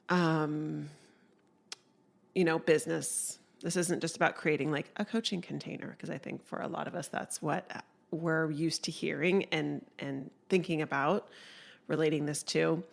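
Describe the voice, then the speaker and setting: A woman hosting a reflective solo podcast, sounding congested, speaking softly and musingly with frequent small laughs. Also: sits low, creaky. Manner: soft, musing, laughs often. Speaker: podcast host.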